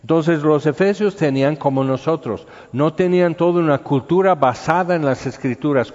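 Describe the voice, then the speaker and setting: Mexican pastor, mid-pitched, conversational sermon, acts out quotes; dull sound, long hall reverb. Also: male voice, a little mellow. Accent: Mexican Spanish.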